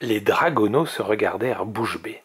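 A man reading a children's storybook aloud at a library, in a measured, expressive way. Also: lowish voice, slightly rough.

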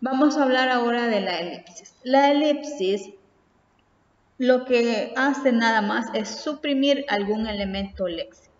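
A woman teacher giving a recorded class lesson, explaining slowly and reading examples aloud. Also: on the high side. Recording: far off, roomy echo, dull sound.

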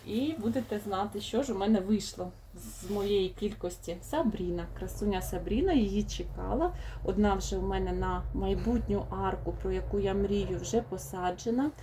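A woman's voice: mid-range voice, moderate pace, mellow, a little hiss or hum. A woman with a young child, chatting fondly to her viewers as she unpacks rose seedlings. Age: adult, has a young child. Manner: fond, chatty, talks to viewers. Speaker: rose gardening vlogger. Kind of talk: casual unboxing chat.

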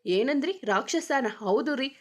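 A woman's voice: high voice, lively intonation, a little slow. A woman reading as Archana, a fiery young woman in love. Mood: pleading. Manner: blunt, emotional pleading.

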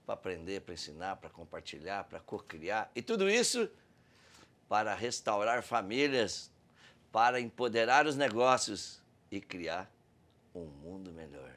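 A man's voice: sits low, animated, measured pace, fairly bright tone. A Brazilian man hosting a podcast, effusive and emotional as he introduces his guests. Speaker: podcast host.

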